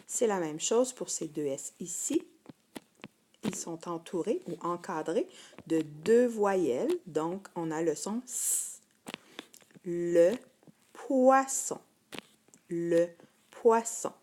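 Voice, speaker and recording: A woman's voice: on the low side, lively intonation, slow pace, mellow, a little hiss or hum. A woman teacher with a Québécois French accent, giving a patient phonics lesson to first graders and repeating each word twice.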